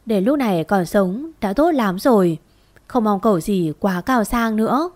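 A woman voicing a gentle, choked-up father. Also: mid-range voice, lively intonation, normal speed, close to an everyday voice. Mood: tender. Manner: hesitant, choked-up speech.

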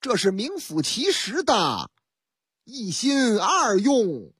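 A woman's voice: on the high side, wildly swooping pitch, slow, fairly bright tone, breathy edge, no echo. A woman radio host, telling a news story in a comic storytelling manner with set phrases and asides, on a studio microphone.

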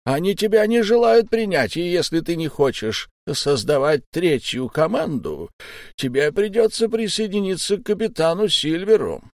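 Audiobook: male narrator plays a silky old pirate captain, raised voice, lively, friendly on top and threatening below. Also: sits high, moderate pace, dry recording, studio quality, pitched above the performer's own voice. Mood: coaxing. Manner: mock-friendly, coaxing, menacing underneath.

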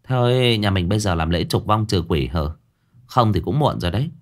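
A man voicing a sharp-tongued, bossy female exorcist who scolds and nags. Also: deep voice, lively intonation, a little fast. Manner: scolding, exasperated.

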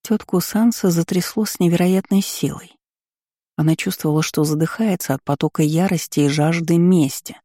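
A woman reading a story aloud with lively, dramatic narration. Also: lowish voice, normal speed, no echo, clean studio sound. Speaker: audiobook narrator. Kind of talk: expressive audiobook narration.

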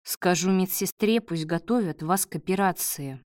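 A woman reading the part of a gruff, hungover male doctor who speaks curtly and snaps orders. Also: high-pitched, normal speed, darkish tone, no room sound, clean studio sound, close to an everyday voice. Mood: weary. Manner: curt, snapping orders.

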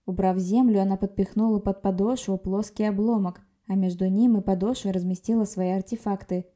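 A woman reading a fantasy story aloud in a lively, expressive way. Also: mid-range voice, a little fast. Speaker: audiobook reader. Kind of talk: scripted fantasy narration.

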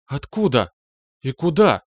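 A man voicing an excited young woman researcher, speaking in a higher, breathless voice. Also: a little slow, no room sound, studio quality. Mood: bewildered.

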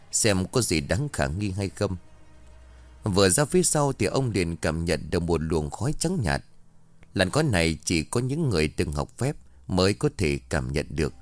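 A man's voice: low voice, no echo. A man narrating a ghost story, voicing each character's lines himself.

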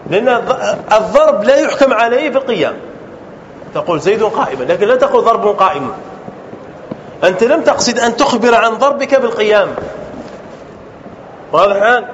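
In a classroom, a man with a high, lively voice teaches a grammar lesson, frequently pausing to ask his students whether it's clear. The recording is dull and lo-fi, with a faint hiss behind him.

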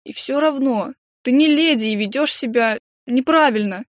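A woman's voice: high voice, normal speed, no room sound, clean studio sound, natural voice. A woman voicing a sulky, rude teenage boy who talks in a petulant, indignant way. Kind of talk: audiobook character voice.

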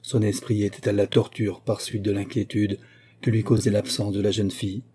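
A man giving steady, measured scripted narration of a classic novel as an audiobook reader. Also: fairly low pitch, slight background noise.

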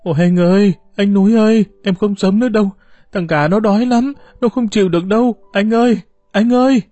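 A man's voice: sits high, fairly quick, dark tone, no echo, pitched above the performer's own voice. A man voicing a desperate, starving teenage girl who wails and sobs for her dead mother. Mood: wailing grief. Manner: wailing, sobbing lament.

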